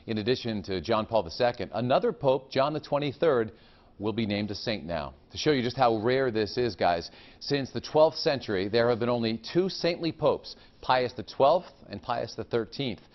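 A man reporting a local TV news story in a measured, formal delivery. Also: medium pitch, animated, lo-fi sound.

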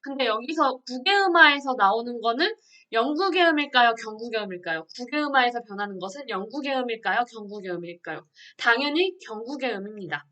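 A woman teaches an online grammar lesson, asking questions and answering them herself. Her voice sits a little high and sounds bright and clear. She explains patiently, step by step. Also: lively intonation, fast.

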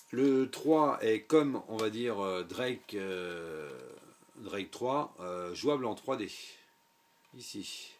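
Low gravelly-voiced man, hesitant and unimpressed. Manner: hesitant, many fillers, offhand and unimpressed. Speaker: video game unboxing vlogger. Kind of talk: casual unboxing commentary.

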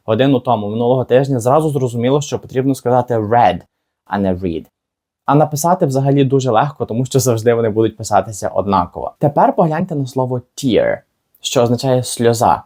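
A man giving a casual video lesson as an English teacher, asking the viewer questions and slowing down for example words. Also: mid-range voice, a little mellow. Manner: chatty, asks the viewer rhetorical questions, slows down for example words.

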